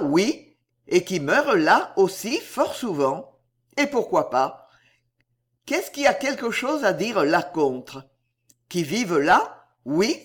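A gruff, touchy man guiding a visitor through a prison, as an audiobook reader puts him on. He fires back loud, indignant retorts in a lively, rising and falling voice. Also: medium pitch.

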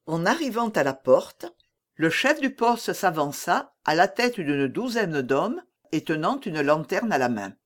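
A narrator reading a novel aloud in a measured, expressive way. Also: medium pitch. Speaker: audiobook narrator.

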